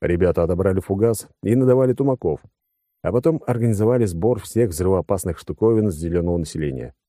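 A man narrating a story in a lively, wry storytelling manner. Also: sits low, quick pace, no room sound, clean studio sound. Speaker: audiobook narrator. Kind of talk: scripted narration.

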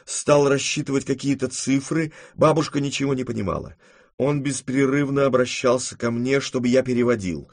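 A man narrating classic prose as an audiobook in a measured, even storytelling manner. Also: mid-range voice, no room sound, clean studio sound.

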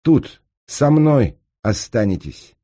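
A male reader voicing a fierce, death-obsessed young woman in a high, shrill voice, in an audiobook. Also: sing-song, slow pace, dark tone. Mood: triumphant. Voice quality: high, shrill when pushed. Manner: defiant, fevered.

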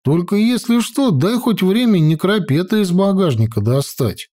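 A man's voice: high voice, animated, mellow, voice pushed up. A man doing a grumbling young comrade. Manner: grumbling, drawn-out musing.

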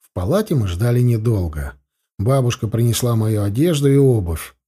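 A man reading a first-person audiobook with wry, expressive storytelling. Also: medium pitch, moderate pace, slightly rough. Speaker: audiobook narrator.

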